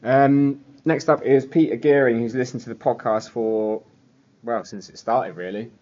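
A man's voice: mid-range voice, fairly even intonation, normal speed, a little mellow. A man from southern England with a Home Counties accent, chatting casually and ramblingly as a podcast host. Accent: Home Counties English. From southern England, Surrey and the Cotswolds. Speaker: football fan podcast host. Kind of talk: casual chat. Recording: slightly dull, lo-fi sound.

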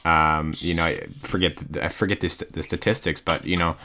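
A man's voice: sits low, fairly even intonation, a little fast, bright, forceful tone. A man hosting an interview, asking long questions in a hesitant way with many fillers. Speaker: podcast host.

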